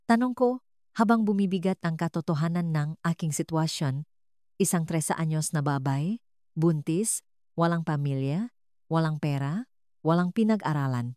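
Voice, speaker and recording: A woman telling a dramatic first-person story in an earnest, measured narration. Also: deep voice, dark tone, no room sound, clean studio sound.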